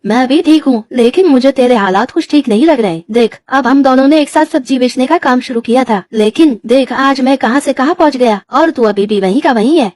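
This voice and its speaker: A woman's voice: high voice, fairly quick, few pauses, darkish tone, dry recording. A woman voicing a boastful, wealthy male crow who lectures his younger brother. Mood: patronizing. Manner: patronizing, lecturing. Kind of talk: cartoon voice acting.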